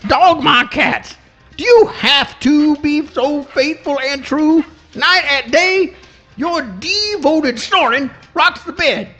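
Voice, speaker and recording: Pogo Possum, very high folksy swamp critter. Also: male voice, slow pace, pushed and bright, lo-fi sound, faint music behind, full character voice. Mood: weary, grumbling. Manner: folksy rustic dialect, plaintive. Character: good-natured, put-upon little male swamp possum. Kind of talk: live comic radio play reading.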